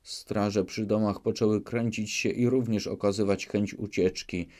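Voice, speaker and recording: A man narrating an audiobook with measured, dramatic storytelling. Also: lowish voice, steady tone, darkish tone.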